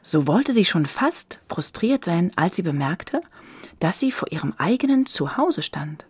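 Breathy woman reading a children's story. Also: fairly low pitch, very animated, unhurried, no echo. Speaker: narrator.

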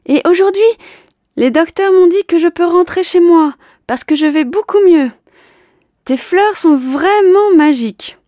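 A woman voicing a young sick boy in a wheelchair, calling out in a high, loud voice. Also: unhurried, no echo, clean studio sound. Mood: excited. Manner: high-pitched, calling out loudly.

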